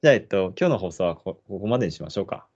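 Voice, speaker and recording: A man hosting a language-learning podcast, reading sentences aloud at an unhurried pace and then chatting with many hesitant fillers. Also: low-pitched, big pitch swings, a little mellow, highs cut off, a little hiss or hum. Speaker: podcast host.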